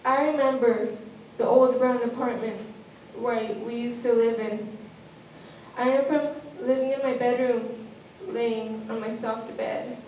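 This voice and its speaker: A woman with a slightly high voice recites a personal poem in a steady, list-like cadence. She is picked up from some distance in a very echoey room, with faint noise underneath. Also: measured pace.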